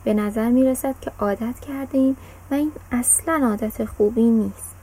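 A woman voicing a kind, patient father in a children's story, explaining things calmly and slowly. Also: on the high side, breathy edge, poor audio.

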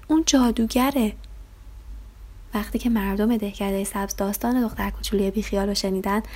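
A woman reading a children's story aloud, slow and gentle, sometimes dropping to a breathy near-whisper. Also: mid-range voice.

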